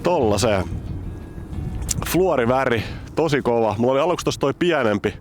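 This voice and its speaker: Excitable man from vlogging outdoors. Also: medium pitch, soft background music. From Helsinki, Finland. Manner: excitable, chatty, explaining technique. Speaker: fishing vlogger. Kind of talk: casual outdoor vlog narration. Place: outdoors on a frozen city lake.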